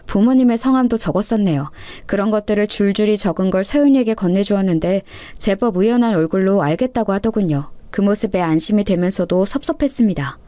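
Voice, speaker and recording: A woman narrating a first-person story in a soft, wistful storytelling manner. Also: mid-range voice, expressive, quick pace, few pauses, no echo.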